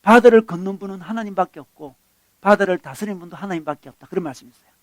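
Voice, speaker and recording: A pastor delivering a sermon, preaching emphatically and swinging between loud bursts and quiet asides. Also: male voice, high-pitched, racing, no echo.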